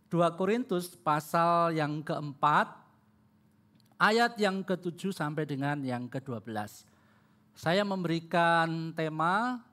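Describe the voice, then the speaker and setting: A man's voice: fairly high pitch, a bit bright. A male pastor preaching a sermon in a church, telling stories and addressing the congregation directly. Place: church, live-streamed.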